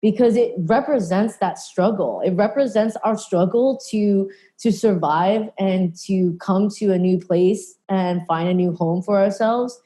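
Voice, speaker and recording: In a conversational panel, a woman from California, USA, speaks earnestly at a measured pace with few pauses. Her mid-range voice has a dark tone, and she uses many fillers and restarts.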